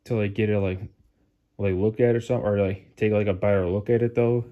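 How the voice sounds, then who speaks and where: The audio is narrow and tinny as a model train channel host vlogs at home near a staircase, dejected and sighing as though about to cry. His voice is low-ish and steady but quick, and his casual monologue rambles with restarts and plenty of "like."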